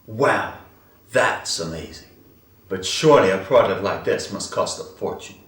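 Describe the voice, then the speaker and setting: A man plays an earnest, easily impressed infomercial host. His parody sales delivery is exaggerated and very lively in pitch. He sounds a little far from the mic in an echoey room. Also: unhurried. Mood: amazed excitement. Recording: roomy, distant mic, music behind.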